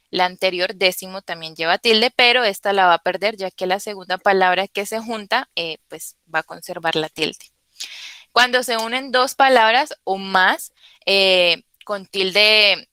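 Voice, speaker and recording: A young woman giving a class presentation over a video call, often pausing on "eh" fillers. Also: mid-range voice, bright, forceful tone, dry recording. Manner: hesitant, many "eh" fillers. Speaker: student presenter.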